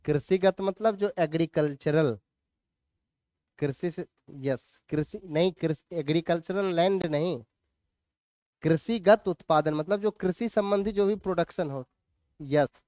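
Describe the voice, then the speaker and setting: A man teaching a class, dictating slowly phrase by phrase and repeating lines, with asides to students. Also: on the high side, darkish tone, no room sound, studio quality.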